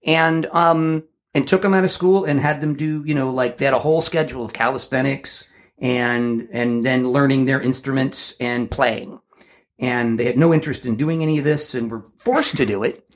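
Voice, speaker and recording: A man's voice: mid-range voice, normal speed. A man co-hosting a podcast, telling a story in a loose, rambling way with frequent laughs. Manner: rambling, laughs often, swears casually. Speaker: podcast co-host. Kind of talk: casual storytelling chat.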